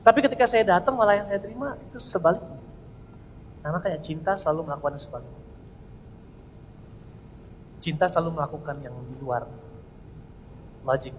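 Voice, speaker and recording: A male pastor giving a personal testimony sermon, swinging between loud, high emphasis and hushed near-whispers, with casual slang and English phrases mixed in. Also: brisk, pauses often. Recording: reverberant hall, faint rumble.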